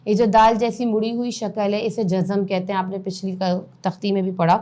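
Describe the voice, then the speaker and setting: A woman's voice: mid-range voice, flat delivery, warm tone. Patient woman teaching Quran reading. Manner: patient, spells out letters and vowel marks slowly, recites in slow chant. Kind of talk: step-by-step lesson explanation.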